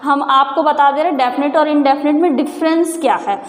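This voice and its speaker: A woman's voice: high-pitched, fairly even intonation, a little fast. A woman teaching a grammar lesson, patiently asking questions to the viewer and answering them herself. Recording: echoey room with reverb.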